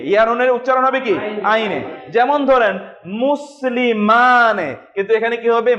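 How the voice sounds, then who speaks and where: A man teaching Arabic grammar to a class, asking questions, repeating words slowly and prompting students to answer. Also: extremely high pitch, fairly bright tone. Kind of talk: classroom lesson with call-and-response drilling. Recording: dull lo-fi recording.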